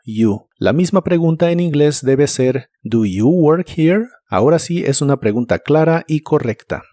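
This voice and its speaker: Calm man narrating a language lesson. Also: mid-range voice, no echo, studio quality. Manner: calm, even explanatory delivery, slows down for English example phrases. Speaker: English teacher.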